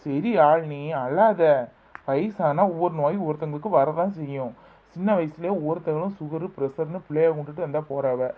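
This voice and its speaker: A man playing a calm young son-in-law who soothes and reasons with the crying women. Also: on the high side, moderate pace, natural voice. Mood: soothing. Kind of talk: amateur family skit. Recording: phone-like thin sound.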